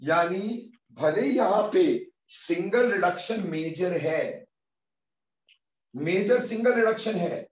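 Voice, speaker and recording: A man with a fairly high voice lectures an online chemistry class, mixing Hindi and English. He addresses students fondly as "beta" and spells out formulas slowly, one piece at a time. The sound is muffled and roomy, with the mic set well away from him. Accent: Hindi-English mix. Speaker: chemistry teacher. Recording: muffled, echoey, far from mic.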